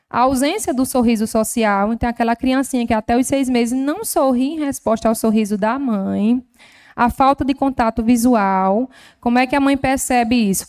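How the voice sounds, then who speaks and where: A health professional with a Northeastern Brazilian accent lectures at a formal session in a slightly high, smooth voice. She explains step by step and piles up everyday examples. Her tone is gently didactic. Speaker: health professional giving a talk. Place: legislative chamber.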